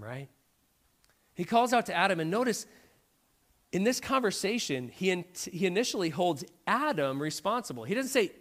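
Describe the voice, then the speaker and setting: A man's voice: sits high, a bit bright. A middle-aged man preaching a sermon in a conversational way, often checking in with "right?". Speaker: pastor.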